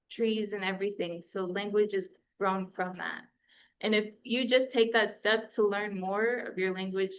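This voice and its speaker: A woman's voice: medium pitch, lo-fi sound. A young woman from New Mexico speaking at a press conference as a community organizer, her voice nervous and wavering at times. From Gallup, New Mexico.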